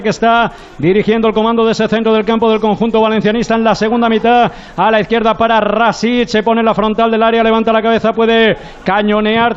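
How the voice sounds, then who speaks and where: A man's voice: sits high, clean tone, dull audio. A man with an accent from Spain giving running play-by-play football commentary. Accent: Spanish, from Spain.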